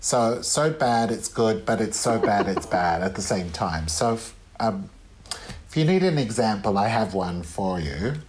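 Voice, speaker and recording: A man talks as the guest in a relaxed podcast interview. He rambles, breaks off and restarts often, and fills gaps with ums as he builds his points. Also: on the low side, a little slow, a crowd in the background. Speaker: guest author. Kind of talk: casual interview chat.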